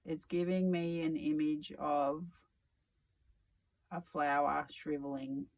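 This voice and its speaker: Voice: medium pitch, flat delivery, takes it slowly, gravelly, darkish tone, low-quality recording. A tarot reader giving a reflective solo reading, musing aloud with sarcasm and casual swearing.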